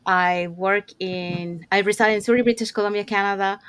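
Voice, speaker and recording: A woman from Panama speaks briefly and practically on an online panel. Her voice is smooth and clear, and the sound is dry. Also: mid-range voice, fairly even intonation, normal speed, no echo.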